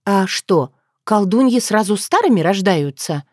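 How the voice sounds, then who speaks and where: A woman voicing a calm young witch who speaks in a dry, sarcastic way. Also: medium pitch, measured pace, no echo. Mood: wry. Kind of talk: audiobook character voice.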